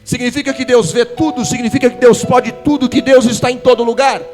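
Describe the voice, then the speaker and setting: Evangelist man, very high voice, fiery sing-song preaching, church music underneath. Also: steady tone, fairly quick. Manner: impassioned, swings between hushed and shouted sing-song preaching. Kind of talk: Pentecostal sermon. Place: church service. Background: instrumental music.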